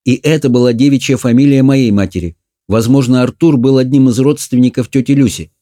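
A man's voice: medium pitch, fairly quick, dark tone, pitched above the performer's own voice, close to an everyday voice. A man voicing a stern, suspicious middle-aged mother who scolds firmly, in an audiobook story. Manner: firm, scolding.

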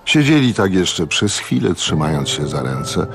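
A man narrating a radio audiobook in a measured, expressive storytelling manner. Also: low-pitched, over music.

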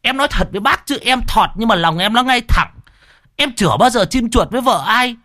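A man voicing a flustered, lecherous lame man who stammers and pleads in a squeaky voice. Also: lively intonation, brisk, sharp tone, no echo, studio quality, heavily acted.

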